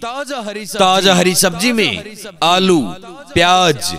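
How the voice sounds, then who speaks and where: A man making a recorded sales announcement in the melodic, drawn-out call of a street vegetable vendor, repeating phrases and listing items one by one. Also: high voice, big pitch swings, a crowd in the background.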